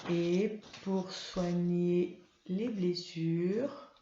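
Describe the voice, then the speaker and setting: Patient woman schoolteacher, unhurried, slightly muffled sound. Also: fairly low pitch, fairly even intonation, mellow, roomy sound, a little hiss or hum. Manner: patient, clear, slow spelling out of words. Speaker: primary school teacher. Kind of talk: classroom lesson for young children.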